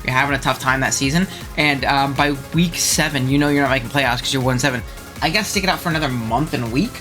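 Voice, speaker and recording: Music plays behind a fast-talking young host with a mid-range voice, a little stuffed up from a cold, as he chats animatedly about what viewers think. He's chatty, umming and laughing a lot.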